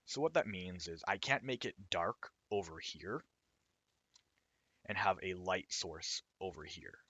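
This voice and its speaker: Hoarse man, deep voice, bright edge, rambling game commentary. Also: unhurried, no echo. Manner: rambling, explanatory, casual. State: hoarse, raw throat. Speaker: indie game developer. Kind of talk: let's-play commentary.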